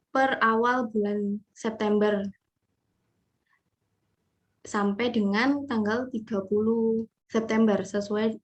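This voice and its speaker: A woman opening a school video meeting in a measured, polite and formal way. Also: mid-range voice. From Indonesia. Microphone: video call audio.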